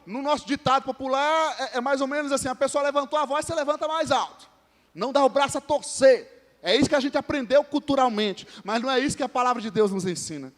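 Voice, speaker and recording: A man's voice: very high voice, fast, a bit bright. A man with a Brazilian Portuguese accent preaching a sermon, speaking conversationally, calling out to the congregation and joking with named members. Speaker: pastor. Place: church hall. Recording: long church reverb.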